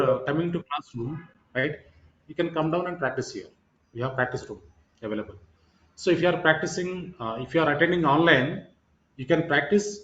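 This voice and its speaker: Man lecturing, roomy echo. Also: a little high. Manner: repetitive, checking with "right" and "okay". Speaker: IT course trainer. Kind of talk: informal online lecture. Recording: roomy echo, slightly muffled sound.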